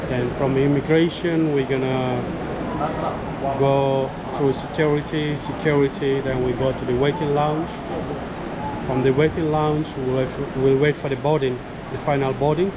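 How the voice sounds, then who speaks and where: A man's voice: mid-range voice, level tone, normal speed, dull audio. West African man vlogging in noisy airport. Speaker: travel vlogger. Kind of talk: casual vlog chat to camera and at check-in. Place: large busy airport departure hall, indoors. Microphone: camera held at arm's length. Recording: loud airport terminal background noise.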